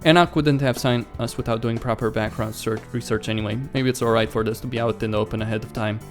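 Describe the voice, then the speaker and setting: With game music in the background, a let's play host voices a visual novel's dialogue at a quick pace, his mid-range tone steady. His commentary is informal and sprinkled with mild swearing.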